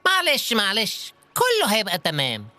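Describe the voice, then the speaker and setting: A woman's voice: medium pitch, huge pitch swings, normal speed, pushed and bright, no echo. A woman voicing Safrout, a bossy, eager sidekick in a children's audio drama. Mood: fussing. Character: fussy helpful sidekick Safrout.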